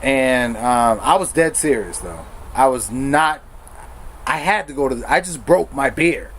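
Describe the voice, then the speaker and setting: A man's voice: mid-range voice, animated, a little slow, fairly bright tone, a little hiss or hum. A man telling his personal story in a frank, conversational way, using slang and correcting himself as he goes. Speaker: storyteller sharing his recovery testimony.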